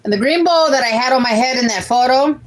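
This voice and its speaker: A woman's voice: sits high, fast, a little hiss or hum, poor audio. A woman in her late forties hosting a casual family livestream, chatting and reading viewer comments aloud. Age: late 40s. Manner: chatty, reads out comments and answers them. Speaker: host of a family cooking livestream.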